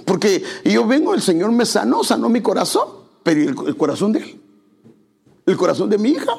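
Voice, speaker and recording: A man's voice: high-pitched, sing-song, brisk, gravelly, darkish tone, breathy edge. A male pastor preaching a conversational sermon in church, speaking directly to the congregation.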